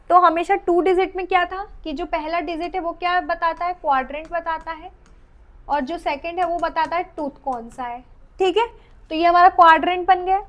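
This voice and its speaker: High-voiced Indian woman teaching dentistry. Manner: reads English lines slowly, then explains in Hindi with rhetorical questions; counts teeth aloud while drawing, trailing off softly. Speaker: dental lecturer. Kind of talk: exam-oriented lecture.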